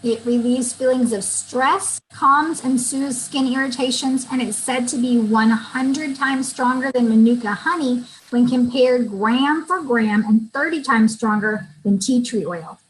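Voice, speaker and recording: A woman's voice: on the high side, measured pace, hardly any pauses, slight background noise, poor audio. A woman co-hosting, reading out product benefits and adding casual asides. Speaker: co-host describing products.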